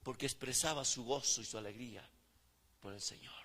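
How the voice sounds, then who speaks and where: A man preaching a fervent sermon, swinging between loud calls and hushed words. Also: medium pitch, fairly quick, in a large hall. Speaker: pastor.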